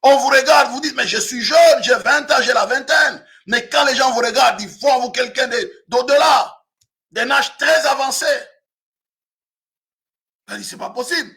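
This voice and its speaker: A man in his fifties, a pastor from Africa, preaching a sermon with frequent shouted emphasis. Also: extremely high pitch, moderate pace, vocal fry. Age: 50s.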